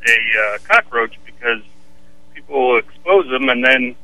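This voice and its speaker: A man's voice: medium pitch, lively intonation, a little slow, bright, forceful tone, no room sound, low-quality recording. A man calling in as a pest control expert, describing bugs casually with many fillers. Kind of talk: phone-in interview.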